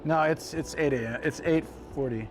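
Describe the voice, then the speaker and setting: A man hosting a casual live stream, chatting to viewers in an animated, exclamatory way and repeating phrases for emphasis. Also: on the high side, normal speed, over music. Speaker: livestream host. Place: outdoors by street vending machines in a city.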